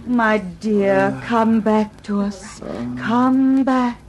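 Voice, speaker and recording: An actress playing a gentle, solicitous seance assistant in an old radio drama, earnest and soothing. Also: female voice, medium pitch, extremely slow. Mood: hushed, earnest.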